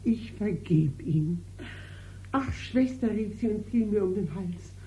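A caring, earnest sister. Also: female voice, mid-range voice, expressive, slow pace, mellow, a little hiss or hum. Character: caring sister comforting her fragile sister. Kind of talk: classic radio drama acting. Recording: roomy radio play studio, faint background.

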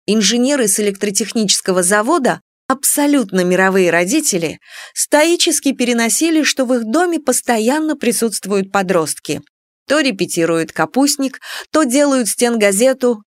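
Woman narrating an audiobook in a dry studio. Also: no room sound. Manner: expressive reading, voicing characters' lines with raised pitch.

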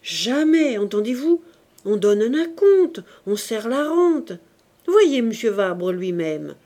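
A man's voice: sits high, big pitch swings, unhurried, a little mellow, exaggerated voice. A woman reading the part of a sly, falsely sentimental rich old uncle who blusters and wheedles.

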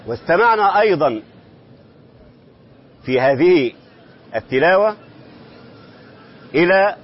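A man teaching Quran recitation, explaining reading variants in a slow, measured scholarly way. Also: high-pitched, big pitch swings, lo-fi sound.

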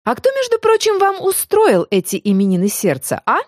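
A woman's voice: high-pitched, wildly swooping pitch, moderate pace, darkish tone, no room sound, clean studio sound, pitched above the performer's own voice. A woman reading as a bubbly, teasing young woman. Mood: laughing teasing. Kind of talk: audiobook character reading.

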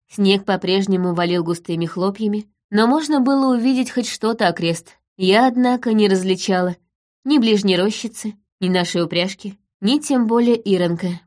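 A woman narrating a story in the first person at a steady, measured storytelling pace. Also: medium pitch. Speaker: audiobook narrator.

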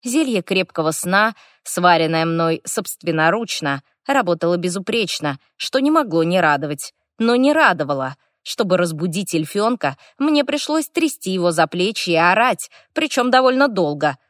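A woman's voice: lowish voice, moderate pace, hardly any pauses, dry recording, studio quality. Wry woman reading a fantasy audiobook. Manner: wry, lively, expressive storytelling. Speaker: audiobook narrator.

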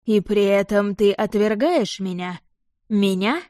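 A woman's voice: mid-range voice, darkish tone, no room sound, studio quality, close to an everyday voice. Iresh, a woman doing a hissing demon-dragon emperor. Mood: contemptuous rage. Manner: slow, hoarse, possessive hissing. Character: arrogant furious male demon-dragon emperor.

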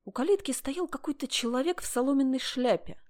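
A woman narrating a story in a calm, steady reading voice. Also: high-pitched, fairly quick. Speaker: reader.

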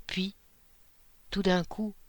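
A woman reading a classic short story aloud in a measured, expressive narration. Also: medium pitch, dry recording. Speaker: audiobook reader.

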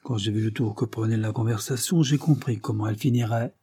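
A man's voice: on the low side, brisk, dark tone, breathy edge, no echo. A man voicing a lazy, easygoing young man who talks nonchalantly.

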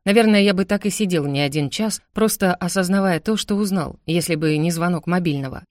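Brief: female audiobook narrator, low voice, dry close sound, intense first-person reading. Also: a little fast, dry recording.

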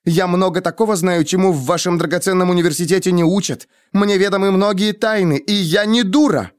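A male audiobook reader voicing a proud, quick-tempered young woman who speaks in a sharp, scornful, heated way. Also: sits high, dry recording, clean studio sound, pitched above the performer's own voice, natural voice. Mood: indignant. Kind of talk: audiobook character reading.

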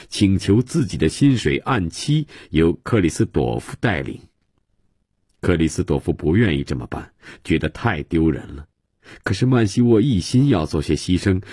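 A man reads a novel aloud for radio in a deep, husky voice. His narration is slow and measured, with a dramatic feel. The sound is dry and close. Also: a little mellow, dry recording. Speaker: storyteller. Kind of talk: radio storytelling reading.

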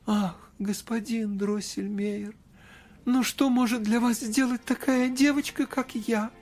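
A man's voice: extremely high pitch, steady tone, unhurried, a little mellow, voice pushed up. A man voicing a small, tender-hearted girl who pleads tearfully in a storybook reading.

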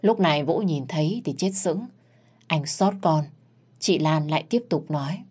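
A woman storyteller narrating a family drama in a measured, sorrowful way. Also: sits low, darkish tone, slightly rough. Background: faint background music.

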